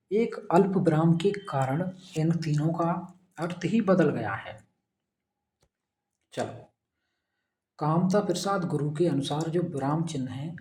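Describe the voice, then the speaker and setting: A man's voice: fairly high pitch, mellow. A man teaching a recorded exam-prep lesson, posing his own quiz questions and answering them, repeating key points. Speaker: Hindi teacher.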